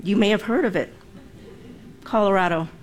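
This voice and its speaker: A Vietnamese-born woman in her forties, whose first language is Vietnamese, gives a prepared personal speech. Her mid-range voice is deliberate and emphatic.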